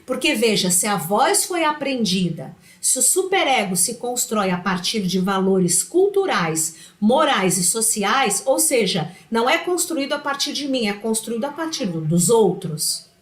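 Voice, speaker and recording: A woman's voice: on the high side, big pitch swings, measured pace, hardly any pauses, reverberant. A woman hosting her own vlog, talking casually about psychology and acting out a harsh inner voice in quotes. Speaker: channel host.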